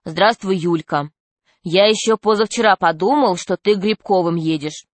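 A woman reading a storybook, voicing a calm, serious schoolboy with plain, measured speech. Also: medium pitch, no room sound, natural voice.

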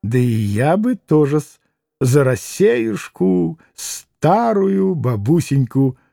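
A man's voice: mid-range voice, big pitch swings, slow pace, dark tone, no echo, clean studio sound. A man voicing a fawning hanger-on who titters and stammers. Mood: sly.

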